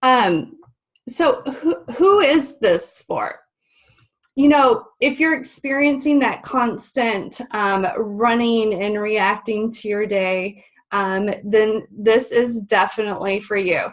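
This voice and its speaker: Slow and mid-range, a woman's voice carries a live webinar presentation through a video call. She's a bit stuffy and nasal, and as host she chats warmly, filling pauses with plenty of ums.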